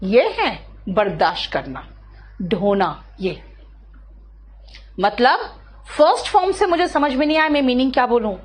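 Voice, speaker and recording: Slow high-voiced woman teaching a class. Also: expressive. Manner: explains slowly, checks often with "clear?" and "है ना"; addresses students by name. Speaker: English teacher. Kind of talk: online class lecture.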